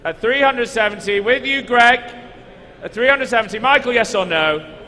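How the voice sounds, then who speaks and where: A man's voice: very high-pitched, normal speed, pushed and bright. A man working as an auctioneer, calling bids at a live car auction, repeating figures insistently and coaxing bidders. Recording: echoey large hall, background noise.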